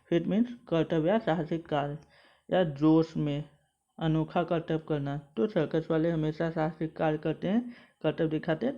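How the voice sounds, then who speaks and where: A man's voice: fairly high pitch, mellow. A male school English teacher explaining a textbook lesson word by word, methodical and repetitive. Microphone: mobile phone. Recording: dull lo-fi phone recording.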